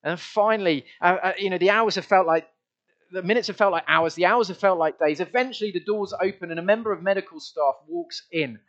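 A man's voice: high voice, a little fast, a bit bright, muffled recording. A man preaching a conversational, earnest sermon to his church. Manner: earnest, conversational, with many restarts. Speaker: pastor.

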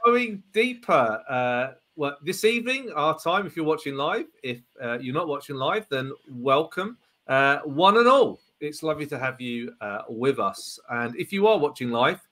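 A man hosting a live church chat show, talking loosely with plenty of fillers and laughs. His voice sits a touch high and sounds crisp and bright. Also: expressive, normal speed, few pauses. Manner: chatty and upbeat, laughs easily, fillers. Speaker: podcast co-host. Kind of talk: casual live-stream chat.

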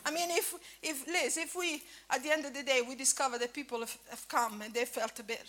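Giving a loose sermon at a church breakfast, a woman in her fifties fills her speech with fillers and restarts. She is a native Italian speaker from Italy, her Italian accent touched with Scottish. Her voice sits high and steady, with a brisk pace and a sharp tone.

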